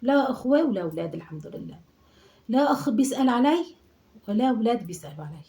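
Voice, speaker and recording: A woman's voice: fairly high pitch, big pitch swings, very fast, mellow. A woman voicing a chatty, nagging older mother in her sixties from Aleppo, with an Aleppo Syrian Arabic accent, scolding and muttering prayers. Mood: fussing. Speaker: sketch performer. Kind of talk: comic monologue sketch.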